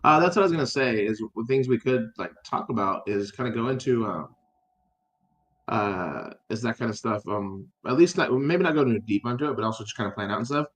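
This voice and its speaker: A man's voice: mid-range voice, animated, a little fast, a bit bright, reverberant. A man co-hosting a casual chat, rambling with many fillers and restarts and casual swearing. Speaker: podcast co-host.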